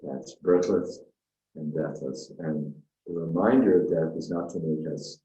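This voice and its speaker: A man, a spiritual teacher, giving an unhurried, reflective dharma talk with frequent fillers and asides. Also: extremely low pitch, warm tone, reverberant, low-quality recording.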